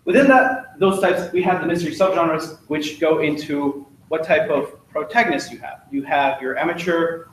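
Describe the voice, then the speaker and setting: A man's voice: on the high side, fairly even intonation, moderate pace, hardly any pauses, heavy reverb, a little hiss or hum. A young man giving a casual, joking club talk with slides, chatty and full of fillers, recorded from far off in a classroom. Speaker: student club presenter. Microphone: distant room mic.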